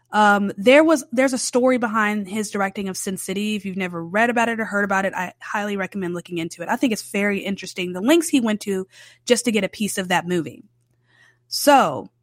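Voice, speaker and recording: A woman's voice: mid-range voice, dry recording, clean studio sound. A woman with a standard American accent and Southern roots, giving a casual, conversational film review and repeating words for emphasis. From southern United States.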